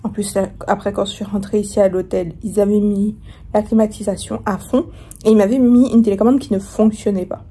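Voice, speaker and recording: A young woman with a sore throat and a cold setting in records a casual travel vlog from her hotel room, chatting to camera with rambling, filler-heavy talk and frequent restarts. Her medium-pitched voice is dark and husky, fairly even in intonation, and a little fast.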